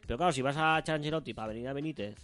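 A man from Spain, chatting casually about football on a podcast, his voice sitting at an ordinary middle pitch. He runs on, repeating himself and breaking into laughter, while faint music plays underneath. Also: very fast, fairly bright tone. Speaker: podcast co-host.

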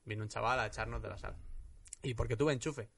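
A man's voice: fairly low pitch, fast talker, vocal fry, a bit bright. A man from co-hosting a comedy podcast, chatting in a laid-back way with wry asides. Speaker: podcast co-host.

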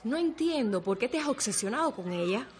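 A woman's voice: a little high, lively intonation, fairly quick, a little hiss or hum, close to an everyday voice. An actress playing a frank, level-headed teenage girl who teases her friend. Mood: blunt.

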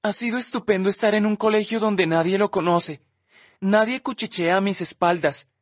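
A man puts on a teenage girl in an audiobook, defensive and ashamed and crying as she talks. The voice is pitched well above his own, sobbing and pleading, with a close, dry sound. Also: normal speed, dry recording. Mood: tearful. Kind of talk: audiobook character voice.

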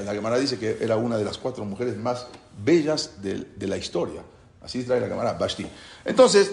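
A man with a gravelly, creaky edge tells the story to his class, his pitch swinging widely as he jumps between narration and the quoted lines. His voice carries the echo of a reverberant room. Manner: acts out quotes from the story with sudden loud rises. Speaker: Torah teacher.

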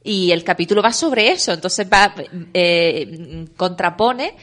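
A woman's voice: on the low side, expressive, measured pace, a bit bright. A woman co-hosting a podcast, chatting in an opinionated, teasing way. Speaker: podcast co-host. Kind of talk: casual chat.

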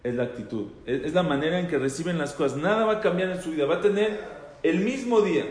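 Speaking fast, with a darkish tone and a pitch on the high side, a man leads a casual Torah talk for a group in a reverberant hall. He keeps things conversational, repeating phrases to stress points and questioning his listeners.

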